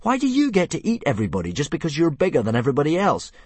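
A clever young Viking boy, anxious and quick to protest, his voice pushed high. He sounds slightly husky and dry. A man acts him out in a storybook reading. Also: huge pitch swings, darkish tone, dry recording, heavily acted. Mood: indignant.

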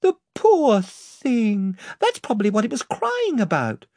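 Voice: mid-range voice, wildly swooping pitch, unhurried, darkish tone, no echo, clean studio sound, voice pushed up. A reader voicing a kind, earnest young girl in an audiobook. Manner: earnest, compassionate. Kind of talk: audiobook reading.

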